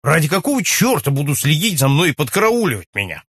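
A man reading aloud and voicing a blunt young baronet who talks loudly and forthrightly in a husky voice. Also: mid-range voice, very animated, brisk, no echo, clean studio sound. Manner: loud, forthright, exclaiming. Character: young hearty baronet back from abroad, blunt.

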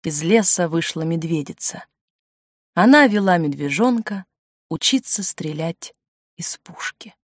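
A woman narrating an audiobook in an expressive storytelling manner, recorded in a studio. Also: lowish voice, unhurried, no echo. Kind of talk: scripted narration. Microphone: studio mic.

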